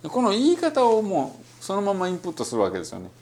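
A man with a Kansai Japanese accent giving a relaxed, rambling spoken lesson on learning English, full of fillers and with English phrases mixed in. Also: sits high, quick pace. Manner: demonstrates English phrases in between. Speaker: English-learning podcast host.

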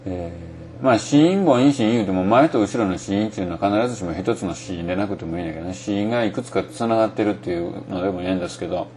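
A man's voice: sits low, fast, darkish tone, slight background noise. A middle-aged man with a Kansai Japanese accent, giving a casual spoken lesson on English pronunciation and thinking aloud with many fillers.

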